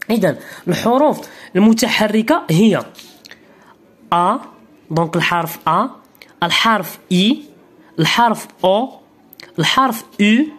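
A woman with a Moroccan Arabic accent teaches a beginner lesson in a slightly husky voice. Her pitch moves a lot as she explains, and she is patient and repetitive. She keeps checking that the learner is following.

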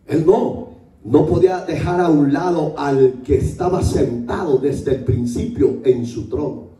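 A male pastor preaching a sermon to his church, animated and joking as he tells stories. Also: a little high, unhurried, reverberant, recorded from a distance. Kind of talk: Pentecostal sermon. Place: church hall.

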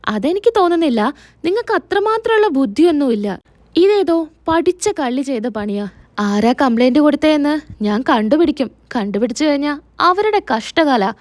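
A woman's voice: high voice, big pitch swings, normal speed, no echo. A woman voicing a hot-tempered young husband in a retold serial, speaking indignantly with a raised voice. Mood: scornful.

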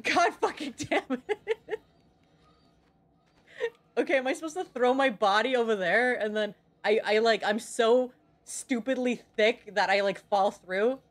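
A woman's voice: on the high side, measured pace. A young woman streaming a game, swearing often and bantering in exasperation with her chat. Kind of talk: casual gameplay streaming.

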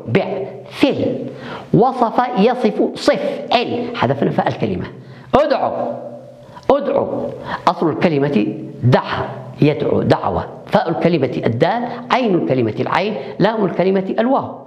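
A man's voice: on the high side, gravelly, a little mellow. A male university lecturer giving a recorded online lecture, explaining step by step and answering his own questions to the class. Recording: echoey room, dull lo-fi sound.

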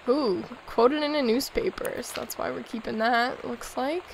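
A hoarse, sick young woman hosting a let's play, chatting and giggling as she reads in-game notes aloud. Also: fairly high pitch, normal speed, a little hiss or hum, low-quality recording. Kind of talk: casual gameplay commentary.

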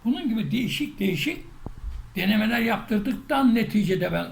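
Creaky, high-pitched man telling a story. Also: normal speed. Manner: animated storytelling, acting out shouts and quotes. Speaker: spiritual teacher. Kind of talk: recounting a personal story. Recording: echoey room with faint noise.

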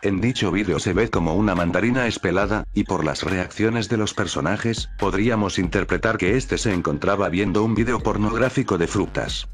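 A man reads scripted narration for a top-list countdown video, with music playing behind him. His voice is on the low side with a breathy edge, at normal speed and hardly any pauses.

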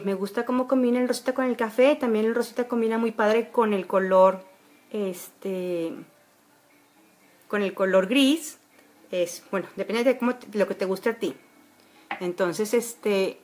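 Chatty woman doing a makeup tutorial. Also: on the high side. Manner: chatty, homely, many fillers. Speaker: beauty vlogger. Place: bedroom at home. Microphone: phone camera at arm's length.

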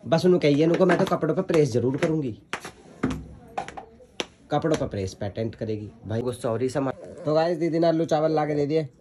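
A man's voice: mid-range voice, a little mellow, a little hiss or hum. A young man, chatting and teasing his family while filming a casual vlog at home on his phone. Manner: teasing, chatty, addresses viewers as guys. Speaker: vlogger.

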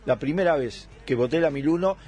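A man's voice: fairly high pitch, a little fast, a little mellow, faint music behind. A man in his sixties, born in Italy, arguing his side in a radio political debate with emphatic repetition. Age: 60s. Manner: emphatic, argumentative, repeats phrases for stress. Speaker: debate guest.

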